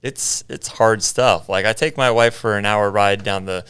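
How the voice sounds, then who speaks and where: A man's voice: on the low side, moderate pace, fairly bright tone, smooth, no echo. A man hosting a casual interview podcast in a chatty, colloquial way. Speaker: podcast host.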